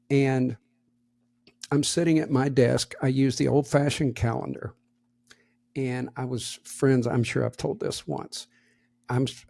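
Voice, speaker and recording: Middle-aged male podcast co-host, gravelly voice, casual storyteller, dry close mic. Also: medium pitch, no room sound. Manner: animated anecdote teller, acts out quotes.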